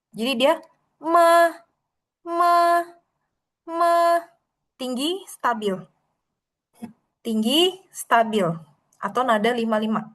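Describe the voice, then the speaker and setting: A woman with a slightly high voice teaches a Mandarin class over a video call. She explains patiently, slows down to model each tone, and stretches the syllables out for her students. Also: fairly bright tone. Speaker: Mandarin tutor.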